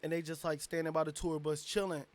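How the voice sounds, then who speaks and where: A young man, a bit drunk, telling a long animated story in a casual interview, full of slang and swearing. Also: fairly high pitch, fast. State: tipsy. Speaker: guest, aspiring rapper.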